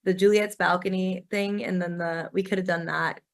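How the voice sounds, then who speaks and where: A woman's voice: lowish voice, steady tone, moderate pace. A young adult woman from Texas, co-hosting a podcast in upbeat casual chat peppered with "like". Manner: chatty, upbeat, full of "like". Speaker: podcast co-host.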